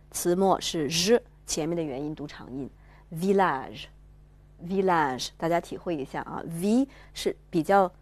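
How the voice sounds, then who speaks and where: Patient woman teacher, lower voice, slow model readings, dry sound. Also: a little mellow, no room sound. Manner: patient, explanatory, models words slowly. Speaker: French teacher. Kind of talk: pronunciation lesson.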